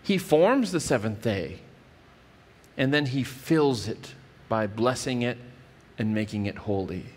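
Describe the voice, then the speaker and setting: A man's voice: medium pitch, expressive, unhurried, a little mellow. A man in his thirties preaching a sermon from a church stage, explaining scripture earnestly and often restarting his phrases. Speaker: pastor. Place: church stage with wood-paneled wall. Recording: church hall reverb.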